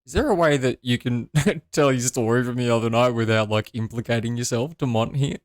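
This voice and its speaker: Teasing podcast co-host. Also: male voice, medium pitch, a little fast, no room sound, studio quality. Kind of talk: casual chat.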